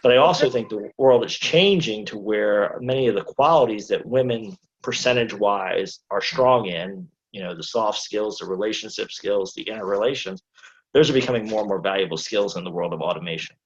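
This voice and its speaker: A man hosting a relaxed interview, speaking in a lowish voice. He talks in long, rambling sentences padded with you-knows. The recording is dull and lo-fi. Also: brisk. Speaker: host. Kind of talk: casual interview chat.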